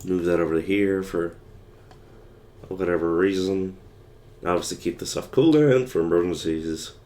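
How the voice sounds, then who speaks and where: A young livestreamer talks to chat while playing a game, rambling through his commentary with many fillers and restarts. His voice is very low, dark and hoarse, audibly wearing out, at a moderate pace.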